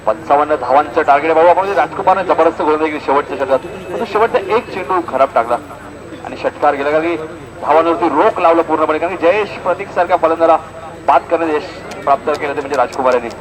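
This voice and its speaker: A man with a Maharashtrian accent gives fast, live ball-by-ball cricket commentary from an outdoor ground in a slightly high voice. Crowd noise fills the recording, which is noisy throughout.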